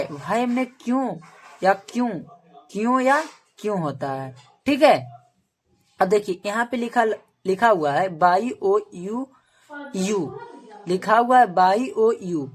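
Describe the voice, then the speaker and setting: Slow, drilling woman teacher. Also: mid-range voice. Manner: ends nearly every point with "okay"; spells words out letter by letter. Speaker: English teacher. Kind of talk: spoken lesson to camera.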